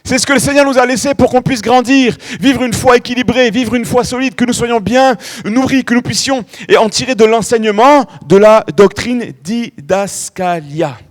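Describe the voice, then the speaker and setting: A man's voice: very high-pitched, normal speed, few pauses. A middle-aged man preaching a sermon in a church, telling stories with lots of energy and drawing out key words. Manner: animated storytelling preacher, stretching key words. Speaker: pastor.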